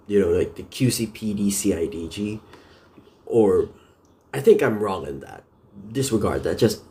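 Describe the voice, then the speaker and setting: On a live stream, a Filipino man with a deep, dark-toned voice rambles casually, correcting himself and leaning on plenty of fillers.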